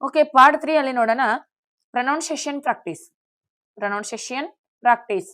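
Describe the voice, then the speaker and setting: A woman teaching spoken English in a slow classroom manner, spelling out words letter by letter for learners to repeat. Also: sits high, fairly bright tone.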